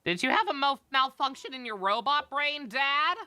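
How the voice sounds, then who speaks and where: A man's voice: very high-pitched, animated, normal speed, bright, forceful tone. A man giving casual, sweary, joking commentary while streaming a video game.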